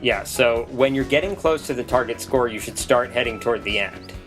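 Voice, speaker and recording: A man casually commenting on a video game he is playing, rambling with pauses and restarts. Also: medium pitch, a bit bright, soft background music. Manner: rambling, full of ums and restarts. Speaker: let's play commentator.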